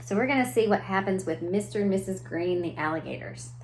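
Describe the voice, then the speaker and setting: With an expressive, mid-range voice and a slightly quick delivery, a woman who teaches preschool reads a story aloud to young children. She mixes in simple explanations and questions as she goes.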